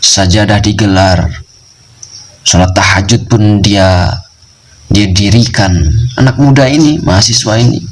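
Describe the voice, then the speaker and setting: A man preaching with a fairly low voice. He tells a story with steady, emphatic repetition and speaks to his listeners as friends. Faint ambient noise sits behind him. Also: measured pace, long pauses, poor audio. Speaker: Islamic preacher. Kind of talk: storytelling sermon.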